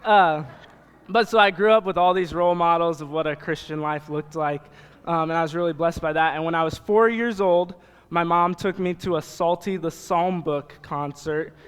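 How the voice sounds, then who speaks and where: Preaching to a church-hall congregation, a young Nebraskan youth pastor keeps things loose, conversational and full of jokes. He speaks at a moderate pace in a fairly high, clean-toned voice, and the hall adds reverb.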